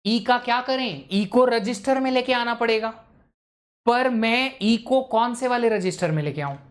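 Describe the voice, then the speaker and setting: एक पुरुष शिक्षक लाइव ऑनलाइन कक्षा में पढ़ा रहा है, छात्रों से बार-बार सवाल पूछता है और हिंदी में अंग्रेज़ी मिलाकर बोलता है।. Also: male voice, very high-pitched, moderate pace. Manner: quizzes students, mixes English into Hindi. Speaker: teacher. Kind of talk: live online lecture.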